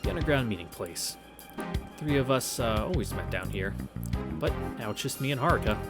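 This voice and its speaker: A man with a mid-range, sing-song voice moves fairly quickly through a relaxed visual novel read-through. Backed by video game music, he shares wry asides, reactions, and anecdotes.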